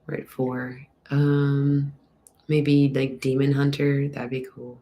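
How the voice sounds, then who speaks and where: A woman's voice: a bass voice, completely flat delivery, slow, warm tone. A young woman from Texas with a slight lisp, congested, chatting casually and rambling as she answers fan questions in a live Q&A. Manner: chatty, rambling, many ums.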